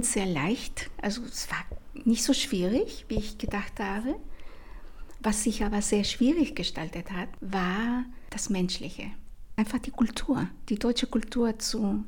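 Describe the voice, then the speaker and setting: A woman's voice: medium pitch, creaky, darkish tone, breathy edge. A woman, a language teacher hosting her own podcast and telling stories in an enthusiastic, chatty way with many fillers. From Chile. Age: 50s. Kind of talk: casual podcast monologue.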